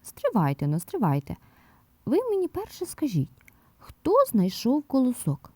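A woman's voice: a little high, huge pitch swings, moderate pace, mellow, husky, dry recording, pitched above the performer's own voice, heavily acted. A woman voicing a hardworking, cheerful rooster in an audio fairy tale, calling out in a sing-song way. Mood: stern, reproachful. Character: hardworking cheerful rooster, patient then stern.

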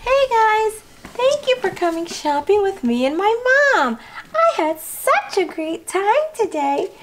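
A woman voicing an excitable little girl doll on her first shopping trip with her mom. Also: very high-pitched, takes it slowly, heavily acted. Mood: chatty. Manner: gushing, breathless with excitement. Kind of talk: toy doll play video.

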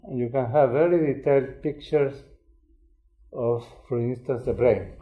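An older man from Chile giving a public lecture, explaining in an unhurried way with frequent restarts. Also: medium pitch, steady tone, narrow, tinny audio. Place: lecture hall. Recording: roomy lecture hall sound.

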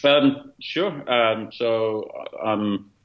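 A man's voice: on the low side, extremely slow. Danish man on a dull video call. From Denmark. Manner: earnest, emphatic, with frequent fillers. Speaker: guest, author and former fund manager. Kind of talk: remote interview answer. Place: bright room at home. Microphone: laptop webcam video call.

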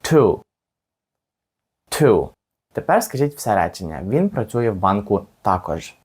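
A man teaching a language lesson step by step, patiently saying each phrase slowly and repeating it for the learner. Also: on the low side, very animated, a little mellow, slightly rough.

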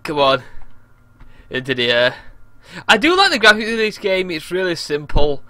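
Shouty young English man gaming. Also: high-pitched, sing-song, normal speed. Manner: shouty and exasperated. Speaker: gameplay commentator. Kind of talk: casual game commentary.

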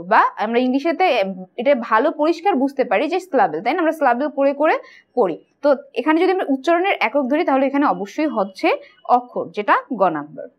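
A high-voiced woman teacher walks through quiz answers at a patient pace. She keeps asking questions and answering them herself. The sound is slightly dull and lo-fi. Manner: patient, asks and answers her own questions. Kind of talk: explaining grammar quiz answers.

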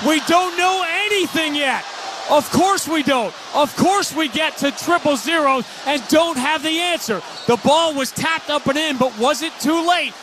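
An American man giving excited, dramatic live radio play-by-play, shouting with emphatic phrasing like a classic ballgame announcer. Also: very high-pitched, a little slow. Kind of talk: excited live basketball radio commentary, in the manner of a radio baseball announcer. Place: live broadcast position in a packed indoor arena. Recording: loud arena noise behind the voice.

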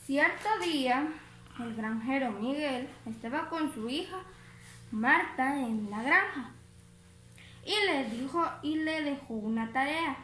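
Brief: a woman telling a plain children's tale, high-pitched, recorded in an echoey room. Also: takes it slowly, pushed and bright, a little hiss or hum. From El Salvador. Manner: simple, plain storytelling with a closing moral. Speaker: storyteller. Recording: roomy home recording.

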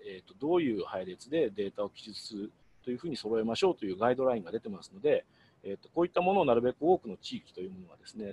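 Quick, lively middle-aged man presenting. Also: fairly low pitch, slight background noise. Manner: explanatory, with frequent hesitation fillers. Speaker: guest speaker. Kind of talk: webinar presentation explaining slides.

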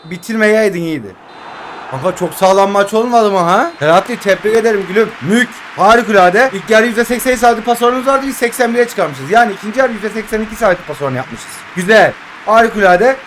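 A young man in his twenties giving casual, excitable play-by-play of his mobile football game, joking and talking to his viewers as friends. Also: high-pitched, fast, slight background noise. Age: 20s. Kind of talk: casual gameplay commentary.

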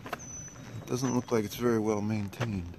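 Holding his phone at arm's length, a middle-aged hiker vlogger talks casually as he walks outdoors along a wooded trail and a dam. His lowish voice stays steady and unhurried, and the audio is clear, with outdoor background noise.

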